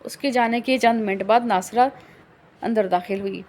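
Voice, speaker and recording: A woman narrating a novel as an audiobook in a steady, even storytelling way. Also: mid-range voice, a little hiss or hum.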